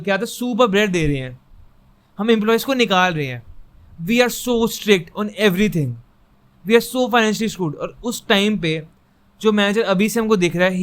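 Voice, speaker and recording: A man's voice: high-pitched, fairly bright tone. A young man giving a heated, frustrated fan reaction to a football match, switching between Hindi and English.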